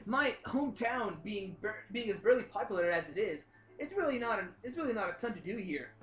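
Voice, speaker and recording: A woman reading a visual novel aloud in a let's play, joking about the text and squeaking out sound effects. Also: expressive, fairly quick, echoey room, faint music behind. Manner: playful, jumps into high squeaky voices for sound effects. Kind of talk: reading game text aloud with jokey commentary.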